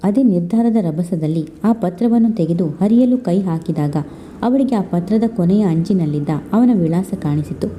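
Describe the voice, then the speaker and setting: A woman narrating a literary love story in a steady, expressive reading voice. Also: fairly low pitch, moderate pace, slight background noise.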